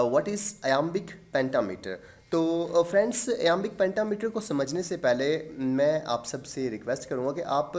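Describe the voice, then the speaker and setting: A young man teaching a lesson, explaining patiently with many pauses and fillers and repeating points, slipping English terms into his speech. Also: mid-range voice, a little mellow. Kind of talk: lecture explaining poetic meter.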